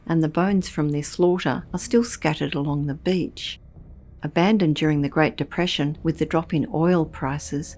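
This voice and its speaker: A woman with a notably low voice tells a scripted documentary story. Her delivery is measured and ominous, paced like a spooky narration. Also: darkish tone.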